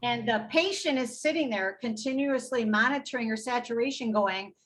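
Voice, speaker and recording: A woman's voice: fairly high pitch, moderate pace, fairly bright tone, poor audio. A woman, a patient advocate guest on a podcast, retelling a tense hospital episode with indignation and acting out both sides of the dialogue. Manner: indignant, recounts exchanges in quoted dialogue. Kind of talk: podcast storytelling.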